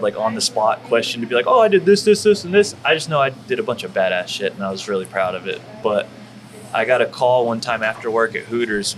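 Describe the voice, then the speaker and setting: A man's voice: lowish voice, a bit bright, a little hiss or hum, poor audio. A man from Texas, a former pro wrestler, telling rambling, profanity-laced stories as a guest in a barbecue restaurant. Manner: profane, rambling, full of fillers. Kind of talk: casual storytelling.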